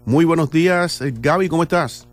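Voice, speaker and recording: Man, morning radio host, upbeat, announcer-style, faint music behind. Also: on the high side. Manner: upbeat, announcer-like opening, quick asides. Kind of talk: radio interview.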